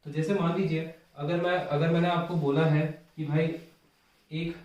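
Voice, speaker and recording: A male physics teacher with a fairly high voice works through problems step by step and keeps checking that his students follow. He sounds a little off-mic, and the room around him rings with heavy echo. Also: little pitch movement, moderate pace, a little mellow, muffled recording. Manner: explains step by step, checks in with "ठीक है" and "है ना". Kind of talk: whiteboard lesson, Hindi mixed with English. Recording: very echoey room, mic at a distance.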